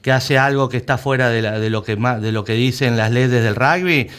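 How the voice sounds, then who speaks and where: A man's voice: medium pitch, a little fast, fairly bright tone, clear, resonant tone. Emphatic Argentine man, repeating himself. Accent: Argentine Spanish. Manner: emphatic, repeats words while searching for them. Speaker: rugby club president. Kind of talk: conversational interview.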